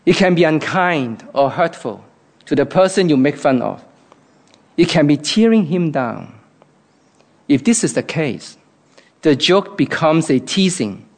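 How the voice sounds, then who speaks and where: A man's voice: on the high side, expressive, a little slow, creaky, long pauses. A man from Hong Kong with a Hong Kong accent, giving an earnest, reflective devotional talk.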